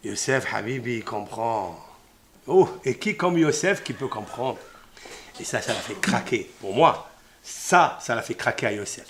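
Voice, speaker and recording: A man giving a religious lesson on scripture, sprinkling Hebrew terms into his talk and swinging from hushed murmurs to loud exclamations. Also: mid-range voice, expressive, unhurried, slight background noise. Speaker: Torah teacher.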